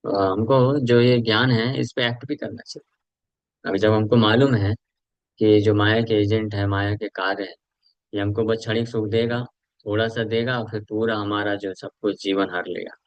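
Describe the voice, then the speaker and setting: A man's voice: lowish voice, little pitch movement, normal speed, no room sound, dull audio. A man giving a conversational scripture class as a preacher, asking his listeners questions and mixing Hindi with English.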